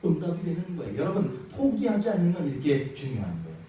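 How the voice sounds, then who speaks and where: A male pastor preaching a sermon, animated and dramatic, acting out quoted lines. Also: fairly high pitch, fast, dull audio, slight background noise. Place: church sanctuary. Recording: echoey hall from far off.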